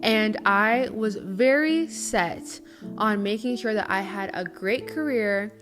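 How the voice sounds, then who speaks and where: A lifestyle vlogger in her early twenties talks slowly in a mid-range voice, with guitar music underneath. Chatty and earnest, she speaks confessionally to camera and often says "you know."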